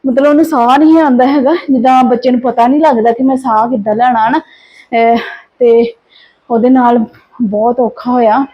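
A woman's voice: fairly high pitch, fairly even intonation, normal speed, slightly rough, highs cut off. A sleep-deprived mother, chatting casually in a family vlog, tired and worried and full of fillers and restarts. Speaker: vlogger and mother.

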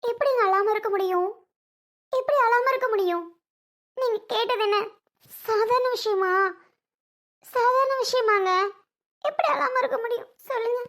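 A woman's voice: extremely high pitch, steady tone, moderate pace, pauses often, a bit bright. A woman voicing a tearful young wife and new mother who pleads to be trusted, in a home-made audio drama.

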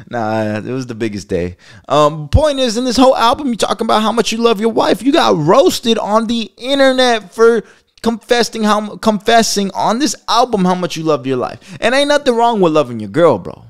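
A man chatting in casual commentary with a lively, swooping voice that sits a bit high for a man. His talk is slangy and profane, loose and rambling, with frequent laughs. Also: normal speed. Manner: loose, rambling delivery with restarts. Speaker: commentary channel host.

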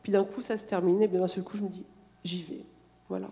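A woman from France in her forties with a French accent, a guest on stage, soft-spoken and quick to giggle. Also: on the low side, steady tone, big-room sound.

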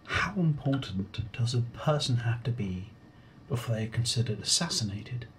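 A man doing a deadpan comedic call center role-play, halting and apologetic as he asks his questions. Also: medium pitch. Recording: keyboard typing noise. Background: computer keyboard typing.

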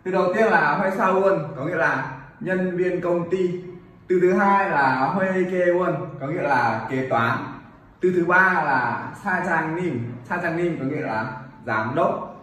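A man teaching a Korean grammar lesson, explaining clearly and repeating example sentences slowly for practice. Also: fairly high pitch, fairly bright tone. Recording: very echoey room, somewhat far from mic.

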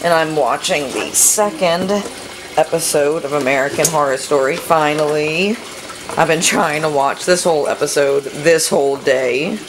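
Speaking at normal speed in a low-pitched voice, a woman in her thirties narrates a casual cooking vlog, talking to herself as she cooks at home. The camera mic records her kitchen, with noise and a running tap in the background.

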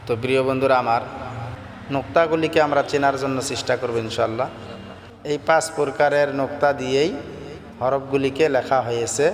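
A man's voice: medium pitch, steady tone, a little fast, a little hiss or hum. A man teaching a lesson on reading Arabic letters, speaking patiently and repeating each sound and correction. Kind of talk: slow spoken lesson. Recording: echoey room with long reverb.

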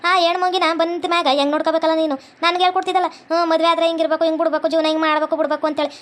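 A woman voices a domineering middle-aged mother-in-law for a comedy cartoon, scolding and lecturing in rapid-fire bursts with a North Karnataka Kannada accent. Her pitch is very high, her melody flat and even, and her mood is one of reproach.

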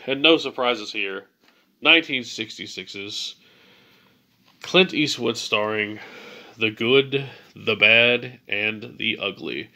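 A man hosts a movie ranking video, casual and enthusiastic, gushing with praise. His mid-range voice sounds pushed and bright, and a little stuffy from a cold.

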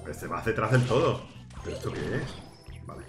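A man giving excited gameplay commentary, coaching his teammates and shouting at big plays. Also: lowish voice, moderate pace. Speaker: gaming YouTuber host. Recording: roomy sound with game music. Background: game music.

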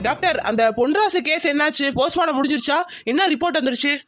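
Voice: high-pitched, very fast, a bit bright, dry recording, soft background music. A performer voicing a stern, determined male police inspector in a cartoon, asking firm and insistent questions. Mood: urgent. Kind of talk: cartoon voice acting.

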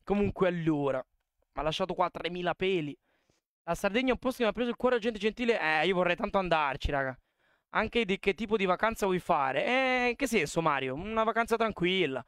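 A man's voice: high voice, lively intonation, a little fast, fairly bright tone, clean tone, no echo, clean studio sound. A young man chatting casually with his live-stream audience at a desk mic, chatty and swearing freely. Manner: chatty, swears a lot, talks to chat.

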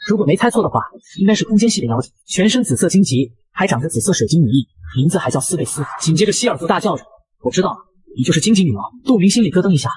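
A man narrating a manga recap in a brisk, breathless scripted delivery. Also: high-pitched, big pitch swings, darkish tone, slightly rough.

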